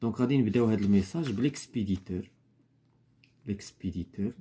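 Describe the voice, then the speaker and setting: A man with a Moroccan accent teaches a lesson at a steady, patient pace, going through each point one at a time. His voice sits fairly low, with a dark, husky tone. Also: rapid-fire. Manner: patient, explains step by step with frequent fillers. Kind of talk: lesson explaining worksheet answers.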